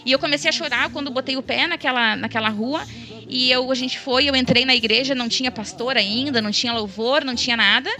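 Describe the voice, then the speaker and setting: A woman's voice: sits high, quick pace, sharp tone. A woman gives a fervent, emotional religious testimony as a church guest, often tagging her sentences with "né?". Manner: fervent, tearful in tone, keeps tagging "né?". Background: background music.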